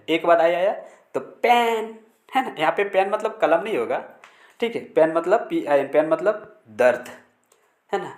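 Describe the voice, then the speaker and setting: A man teaching English pronunciation in Hindi, spelling words out letter by letter and often repeating the rule. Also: fairly high pitch. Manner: frequent checking fillers. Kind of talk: Hindi-language pronunciation lesson. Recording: echoey room.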